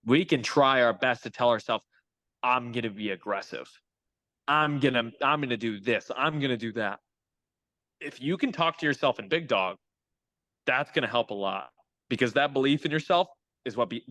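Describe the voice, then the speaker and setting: A man's voice: medium pitch, moderate pace, pushed and bright, dry recording, rough recording. A young adult man, a hitting coach, talking as a guest in a casual interview, upbeat and motivational. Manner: upbeat, motivational, pep-talk phrasing.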